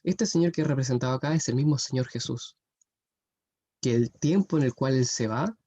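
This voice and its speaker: Young man, youth sermon, earnest, mellow, muffled recording. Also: medium pitch, slightly rough. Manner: earnest, often adds "¿cierto?". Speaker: youth preacher. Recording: dull muffled sound.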